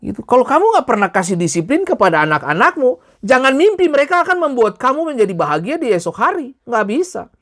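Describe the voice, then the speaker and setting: A middle-aged man preaching a sermon in a lively, colloquial way, addressing the congregation directly. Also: extremely high pitch, fast talker. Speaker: pastor.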